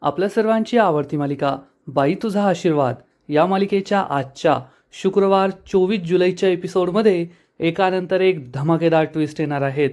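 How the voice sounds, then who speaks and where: A man hosting a TV serial recap, telling the episode's events as a lively storyteller who speaks to his viewers as friends. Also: high voice, moderate pace. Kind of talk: dramatic episode recap narration.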